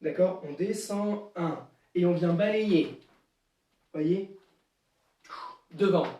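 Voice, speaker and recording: A karate instructor, a man, leads a live online class and barks out counts and commands between calmer explanations. His voice rings around a very echoey room, and he sits well back from the microphone. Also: high voice, slow, far from the mic. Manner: counts moves aloud with sharp shouted cues. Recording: echoey room, voice away from mic.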